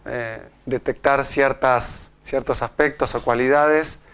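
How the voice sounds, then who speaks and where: A man with a mid-range, smooth voice and fairly bright tone lectures live to an audience in a lecture room. His Argentine Spanish accent comes through as he restarts phrases and keeps asking "¿no?", his intonation fairly even throughout a halting delivery.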